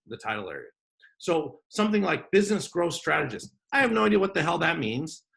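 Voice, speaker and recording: A man's voice: fairly high pitch, gravelly, fairly bright tone. A man hosting an online business workshop over a video call, talking in a joking, off-the-cuff way. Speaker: workshop host.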